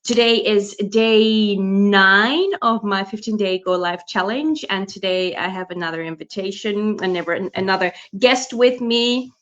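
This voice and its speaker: A woman's voice: mid-range voice, measured pace, hardly any pauses, a bit bright, lo-fi sound. A woman from the Netherlands, hosting a casual live interview over a video call and exclaiming often. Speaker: host of a live stream.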